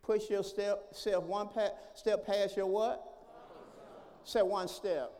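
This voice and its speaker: A pastor preaching a sermon, calling for responses and swinging between soft talk and hollering. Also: male voice, sits high, fairly even intonation, slow. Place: church sanctuary. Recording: long reverb of a church hall.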